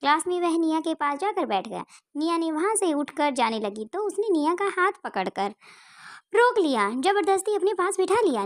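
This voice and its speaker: Brief: high-voiced female storyteller, steady recited narration.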